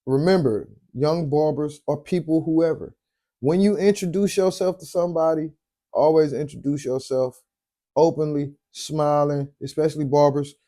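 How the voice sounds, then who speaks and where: Laid-back man with a dark, mellow voice. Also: on the high side, fairly even intonation, normal speed. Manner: laid-back, rambling, searches for words. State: tired, yawning. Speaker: podcast host. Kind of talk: casual late-night chat.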